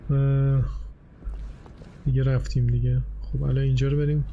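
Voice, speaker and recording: A man's voice: medium pitch, flat delivery, warm tone, highs cut off, slight background noise. A man streaming a video game, giving casual commentary that relays and argues with the game's narrator. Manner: chatty, translates and talks back to the narrator. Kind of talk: casual let's-play commentary.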